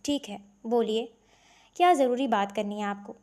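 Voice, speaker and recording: A woman's voice: a little high, a little mellow, close to an everyday voice. A woman reading a cold, scornful devout young woman.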